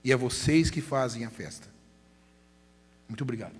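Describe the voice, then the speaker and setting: A man's voice: medium pitch, moderate pace, husky. A man with a Brazilian accent from Paraná, the council president making an insistent, repetitive formal statement. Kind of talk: formal public-hearing speech. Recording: reverberant council chamber PA.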